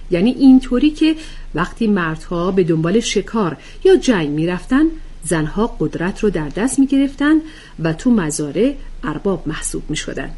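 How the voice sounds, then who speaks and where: A woman's voice: medium pitch, warm tone, slightly rough, voice pushed up. A woman doing an earnest, lecturing woman. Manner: explanatory, lecturing. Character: earnest woman explaining to friends.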